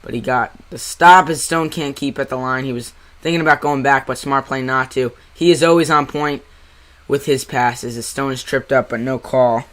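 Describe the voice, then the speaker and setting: Bright-voiced New Jersey man calling hockey. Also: medium pitch, normal speed. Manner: excitable on big plays, chatty asides to chat. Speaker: amateur play-by-play streamer. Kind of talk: live play-by-play commentary.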